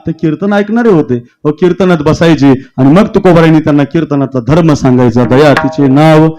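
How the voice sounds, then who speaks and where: High-pitched guy preaching a kirtan into a stage mic, dramatic storyteller who gets fired up and yells to the crowd. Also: quick pace. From Maharashtra. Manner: dramatic storytelling, rising to fervent shouted calls to the crowd. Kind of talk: devotional kirtan sermon. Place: outdoor temple gathering. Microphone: handheld stage microphone.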